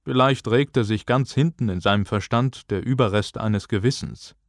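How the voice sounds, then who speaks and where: A man narrating an audiobook in a measured, calm storytelling voice. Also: fairly low pitch, dry recording, studio quality. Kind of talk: scripted narration.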